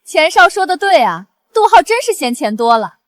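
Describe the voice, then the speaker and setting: Snobbish young ex-wife, high, lively, dry close sound. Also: female voice, moderate pace, no room sound. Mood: haughty. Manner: haughty, mocking. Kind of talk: short-drama acting.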